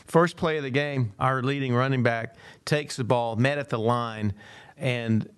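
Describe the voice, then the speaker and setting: Lively storytelling man, dry close sound. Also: mid-range voice, measured pace, clean tone, no echo. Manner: animated storyteller who acts out dialogue and laughs often. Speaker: speaker and former football coach. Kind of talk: storytelling in a podcast conversation.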